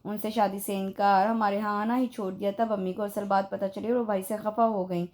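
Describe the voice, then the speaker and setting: A woman's voice: medium pitch, level tone, fairly quick, darkish tone, natural voice. A woman reading the lines of a young man, an earnest and teasing cousin, in a spoken-word novel.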